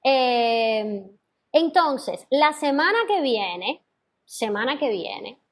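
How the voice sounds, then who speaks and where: Giving feedback in an online singing class, a woman whose voice sits high speaks expressively and draws out her words. As a vocal teacher, she explains patiently, demonstrating with sung notes and scat syllables.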